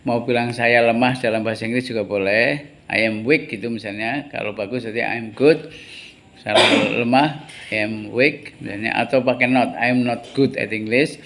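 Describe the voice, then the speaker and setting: A male teacher, an Indonesian speaker, giving a classroom English lesson, explaining slowly, repeating words and putting questions to his students. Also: mid-range voice, fairly even intonation, a bit bright.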